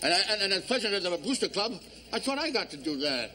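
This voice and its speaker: A man's voice: high voice, very animated, quick pace. An actor playing a blustery small-town booster club president who slurs his words because his mouth is numb from Novocaine. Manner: slurred, numb-mouthed speech. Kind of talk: sitcom acting. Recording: sitcom recording with background noise.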